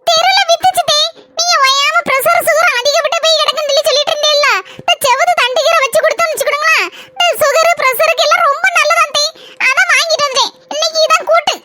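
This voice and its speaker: A woman's voice: very high voice, fairly even intonation, fast, very noisy. A woman voicing a chatty, meddling sister-in-law in a comic cartoon, with a Kanyakumari Tamil accent and a fussy, chattering manner. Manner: fussy, chattering, nosy advice.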